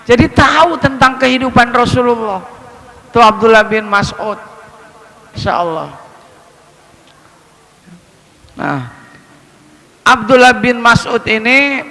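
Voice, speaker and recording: A man preaching a lively, humorous sermon, joking with and questioning his congregation. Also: extremely high pitch, big-room sound, poor audio.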